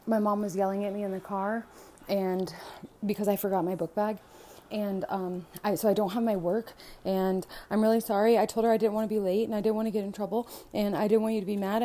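A woman's voice: mid-range voice, steady tone, brisk, mellow, voice pushed up, lightly acted. A woman voicing a child who pours out a run-on, pleading apology. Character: child rushing out a tearful apology.

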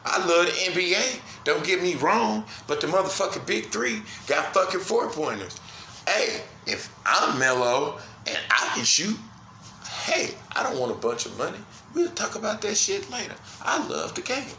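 Profane podcast host ranting in a roomy space. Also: male voice, big pitch swings, moderate pace, slight background noise. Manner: profane, emphatic, swinging between loud outbursts and low quiet asides. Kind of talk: solo sports podcast rant.

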